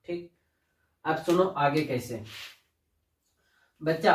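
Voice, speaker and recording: Male teacher, higher voice, talks to students as kids, recorded off-mic in an echoey room. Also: far from the mic. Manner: addresses students as "बच्चा", asks and answers own questions. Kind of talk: classroom lesson.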